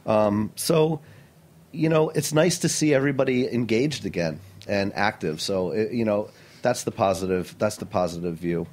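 Low-voiced earnest middle-aged man. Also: normal speed. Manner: earnest, animated, frequent "you know" and "um". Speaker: chef and restaurant owner. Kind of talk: interview answers. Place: radio studio.

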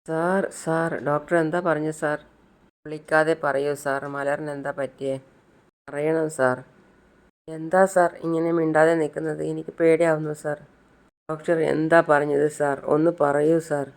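A man's voice: medium pitch, flat delivery, normal speed, vocal fry, lightly acted. A man doing a tearful pleading mother. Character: grieving poor mother at her sick daughter's bedside. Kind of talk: retold serial drama.

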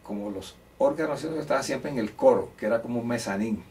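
In a relaxed interview indoors next to a grand piano, an older man from Córdoba, Colombia, recalls his life as a musician. His medium-pitched voice is fast and a little mellow, and his chatty, anecdotal telling includes hesitant restarts. The mic sits at a distance, picking up faint room noise.

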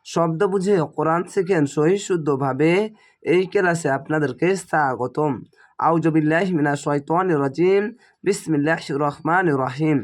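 A man teaches Quran reading, spelling out Arabic syllables one by one and drawing out the recited words. His fairly high voice moves at normal speed and sounds slightly strained in the throat.

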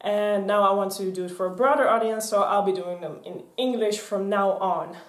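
In a small craft room lined with shelves and mannequins, a chatty Dutch woman in her twenties rambles to the camera on a stand before her. She speaks at a normal pace with a mid-range pitch, gestures plenty, and the room gives off an echo.

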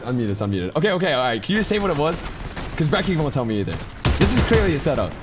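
An eighteen-year-old man streaming a game, talking fast and swearing as he loudly protests. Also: fairly high pitch, big pitch swings, over music. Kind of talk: casual chat while gaming.

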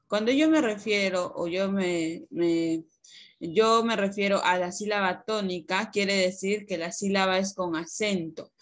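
A woman teaches young pupils over a video call. She explains patiently and slowly, asking questions and then answering them. Her voice sits at an ordinary middle pitch. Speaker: primary school teacher. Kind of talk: online class lesson.

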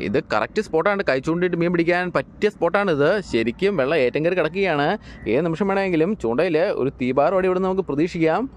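Malayali guy doing hyped fishing commentary, fast n high, little bit of outdoor noise. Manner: energetic, hyped, addresses viewers as buddies. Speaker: fishing vlogger narrating.

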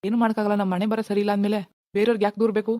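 A woman voicing a calm relative in a cartoon who urges the others to accept fate. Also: medium pitch, very fast, no echo, clean studio sound, lightly acted. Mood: scolding. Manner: soothing, then firmly scolding. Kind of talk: animated cartoon voice acting.

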